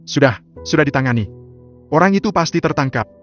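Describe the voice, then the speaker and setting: A man's voice: fairly high pitch, expressive, a little fast, a bit bright, faint music behind, voice pushed up. A man voicing a protective young hospital director, speaking in a soothing, reassuring way. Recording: slightly dull lo-fi audio.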